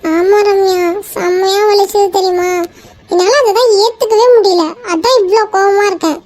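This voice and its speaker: A woman's voice: very high-pitched, a little fast, darkish tone. A woman voicing a young office woman in a cartoon, complaining and gossiping animatedly. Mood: aggrieved. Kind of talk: Tamil cartoon voice acting.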